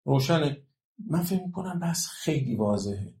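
A man's voice: fairly high pitch, animated, warm tone, reverberant. A man giving a religious talk on education, explaining points and checking in with rhetorical questions to his listeners. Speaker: religious lecturer.

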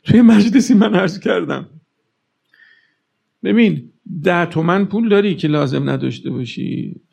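A man preaching a religious sermon, pressing his listeners with fervent, rapid-fire rhetorical questions. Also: sits high, lively intonation, gravelly, a little mellow, husky, dull audio.

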